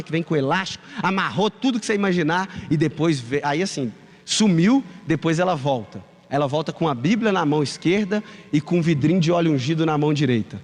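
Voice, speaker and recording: Mineiro pastor preaching, high voice, lots of reverb in the church. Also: male voice. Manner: animated storytelling, addresses the congregation. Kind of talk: sermon. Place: church hall.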